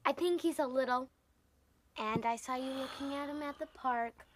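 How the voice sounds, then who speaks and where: A woman's voice: sits high, steady tone, normal speed. An eager teen girl. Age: teens. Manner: eager, pleading and insistent. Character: eager teenage girl with a crush. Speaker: [name].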